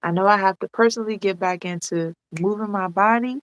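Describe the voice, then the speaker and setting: A woman co-hosting a casual podcast chat, talking in a relaxed, slangy way with bursts of animated emphasis. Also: mid-range voice, fairly quick, rough recording. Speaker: co-host.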